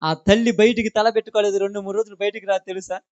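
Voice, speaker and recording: Pastor guy, high voice, dry close sound, firing questions at the church. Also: level tone, fast, a little mellow, no echo, highs cut off. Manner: impassioned, scolding rhetorical questions to the congregation. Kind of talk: sermon.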